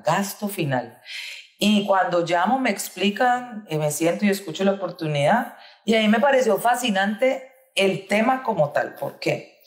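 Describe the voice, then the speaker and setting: A woman's voice: mid-range voice, roomy sound. A woman with a Colombian accent, a guest in an interview, telling her career story fluently. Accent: Colombian Spanish. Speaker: guest, insurance agent. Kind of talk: interview conversation.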